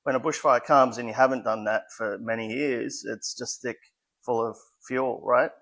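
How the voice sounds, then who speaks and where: A man's voice: mid-range voice, fairly even intonation, normal speed, a bit bright. A man in his forties with an Australian accent, a modest interview guest who explains things plainly with some hesitant restarts. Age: 40s. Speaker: guest, fire safety specialist. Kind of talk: casual interview chat.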